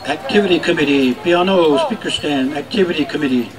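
A man with a high-pitched voice announces as a powwow emcee. He speaks into a public-address microphone outdoors. His delivery is informal and folksy, calling out to people and prompting applause as he makes introductions. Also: brisk, rough recording. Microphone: public-address microphone at announcer's stand.

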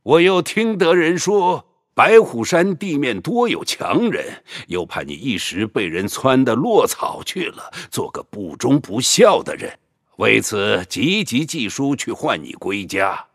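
An actor playing an elderly village patriarch who dotes on his sons, speaking slowly in a fatherly, pleading way. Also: mid-range voice, sing-song, no room sound, studio quality. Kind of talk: audio drama acting.

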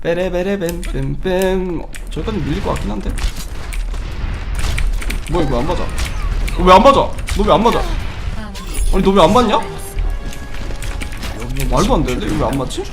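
Excitable high-pitched man commentating his game. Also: brisk, long pauses, over music. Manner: excitable, breaks into shouts and exclamations; muses to himself, throws in silly sound effects. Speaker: gamer commentating own match. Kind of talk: live gameplay commentary, casual.

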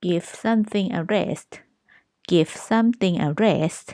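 Slow, deliberate Thai woman teacher. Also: mid-range voice, warm tone, no room sound, clean studio sound. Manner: reads example sentences very slowly and clearly, twice. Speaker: English teacher. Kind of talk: slow English lesson with Thai explanations.

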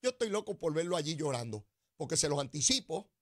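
A man's voice: fairly high pitch, very animated, quick pace. A man with a Puerto Rican accent hosting a political commentary show, delivering a sarcastic, mocking monologue. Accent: Puerto Rican Spanish. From Puerto Rico. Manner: sarcastic, mocking, mimics crying whiny voices.

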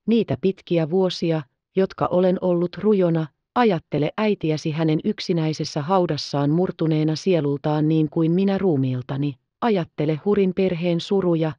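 Proud, bitter old merchant father, read by a woman, low mellow tone, dry dull audiobook sound. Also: no room sound, lightly acted.

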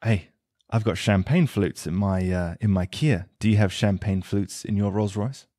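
Brief: a man playing a cheeky everyman, low and dark-toned, teasing. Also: normal speed, dry recording, clean studio sound, lightly acted. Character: cheeky boastful ordinary male driver.

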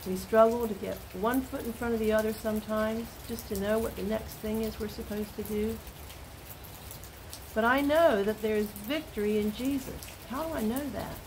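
An older woman offers a gentle spoken devotional, slow, soft, and earnest, with pauses throughout, her voice a little high. She is recorded close up on a phone camera in a small indoor room by a door, with steady rain audible outside and a rough overall sound.

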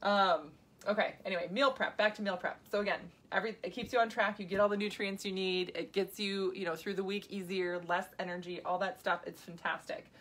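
A woman in her thirties addresses her viewers on a live stream like a health coach, rambling chattily with restarts and side stories. Her middle-pitched voice is steady and fairly bright, and she talks a little fast.

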